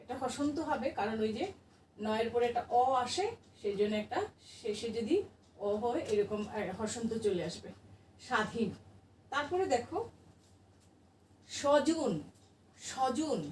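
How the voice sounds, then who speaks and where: High-voiced woman teaching in an echoey room. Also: normal speed, pauses often, darkish tone, distant mic, slight background noise. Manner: patient, asks the class questions and answers them herself. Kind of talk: classroom grammar lesson.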